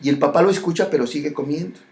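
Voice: medium pitch, darkish tone. Reflective spiritual speaker. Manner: slow, repetitive phrasing with many pauses and restarts.

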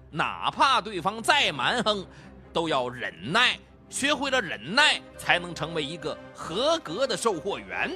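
A man narrating a story dramatically, animated and acting out the dialogue. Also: sits high.

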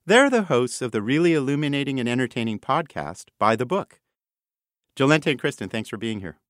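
A man's voice: medium pitch, sing-song, fairly quick, fairly bright tone, no room sound, clean studio sound. A man hosting a podcast, introducing guests and interviewing them conversationally. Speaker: podcast host.

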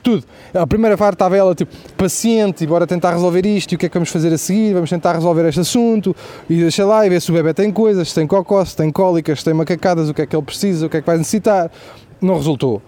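A young man with a European Portuguese accent telling a profane, animated comic story as the host of a stand-up comedy show. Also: high voice, racing.

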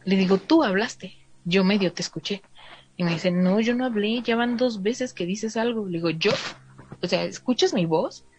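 A woman's voice: medium pitch, moderate pace. A woman with a Mexican Spanish accent casually telling a story to a listener, filling in with little asides and playing out the dialogue. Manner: chatty, fills in with "o sea", acts out the dialogue. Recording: slightly dull sound with faint noise.

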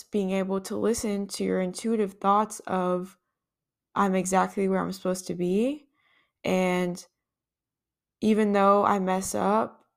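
Earnest and thoughtful, a woman runs her podcast solo and reasons aloud, restarting now and then. She has a mid-range voice touched by vocal fry.

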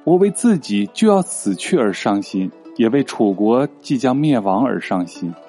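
A man's voice: medium pitch, sing-song, moderate pace, warm tone, soft background music. A man voicing a loyal minister who speaks plainly to his king. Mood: grieving. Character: loyal grieving male minister, blunt and earnest.

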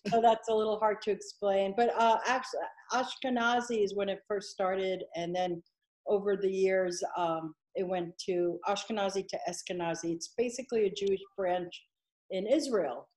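A woman's voice: medium pitch, steady tone, normal speed, darkish tone. A middle-aged woman from New York, a casting director chatting as a guest in a casual interview, telling stories and laughing easily.

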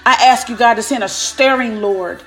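High-voiced woman in fierce, commanding prayer. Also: moderate pace. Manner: fervent, commanding, declaring; repetitive, punctuating phrases with invocations of God. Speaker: preacher leading prayer. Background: music.

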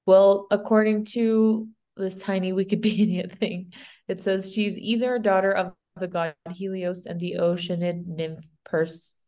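A woman's voice: medium pitch, little pitch movement, unhurried, dark tone. A woman with a Spanish accent casually retelling an old myth in a rambling, unsure way, full of "like" and restarts.

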